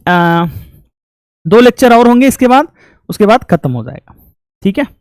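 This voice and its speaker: A man's voice: very high-pitched, big pitch swings, moderate pace, no echo. A man teaching a physics lecture in a homely, folksy way, asking each point back as a question and answering it himself. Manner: homely, folksy explanations with sound effects. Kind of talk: classroom lecture.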